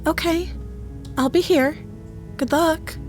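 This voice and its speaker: An actress playing a young captive cartoon princess in a video game, with a sweet, soft, girlish delivery. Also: extremely high pitch, slow pace, soft background music. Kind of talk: video game character acting.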